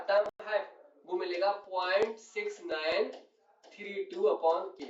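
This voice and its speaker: At the board, a male chemistry teacher whose voice sits high explains his lecture and checks repeatedly that students follow along. "Beta," he calls them, asking "clear?" over and over. The distant mic yields a dull, echoey, off-mic sound with a little hiss or hum.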